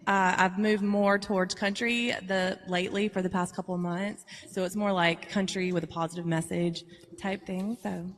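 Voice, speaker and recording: A woman's voice: mid-range voice, fairly even intonation, moderate pace, a little hiss or hum. A woman chatting casually in an interview, her voice carrying a big hall reverb effect from the live-stream mic. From southern Georgia, USA. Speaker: singer-songwriter guest. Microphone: live-stream call with reverb left on.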